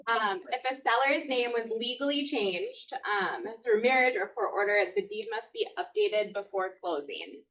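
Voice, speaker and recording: Higher voiced woman quizzing a room, upbeat, sounds far from the mic and kinda dull. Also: lively intonation, moderate pace, few pauses. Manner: upbeat, laughing quiz host. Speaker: guest presenter running a quiz. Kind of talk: casual presentation. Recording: muffled audio from off the mic.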